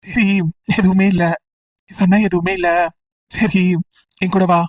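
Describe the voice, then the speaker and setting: A woman's voice: medium pitch, level tone, measured pace, slightly rough, distant mic, poor audio. A woman playing Ram, a teasing college guy. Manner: playful, coaxing, teasing. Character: teasing, persistent young male college student. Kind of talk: amateur audio drama.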